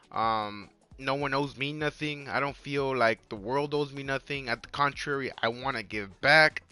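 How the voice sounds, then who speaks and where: A man in his twenties chatting casually on a livestream with a hoarse, worn-out voice, rambling in slang and repeating his phrases. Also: mid-range voice, sharp tone. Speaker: live game streamer.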